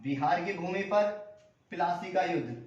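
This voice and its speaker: High-voiced guy teaching history, asks and answers his own questions, very echoey room. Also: a little slow. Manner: asks questions and answers them himself, repeats key names. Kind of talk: exam-prep history lecture. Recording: echoey room, dull lo-fi sound.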